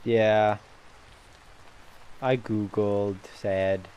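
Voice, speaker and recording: A man's voice: lowish voice, level tone, drawn-out words, a little mellow, muffled recording, a little hiss or hum. A man chatting casually and joking with friends while playing a game, rambling with lots of fillers. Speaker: gaming channel host. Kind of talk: casual gameplay chat with friends.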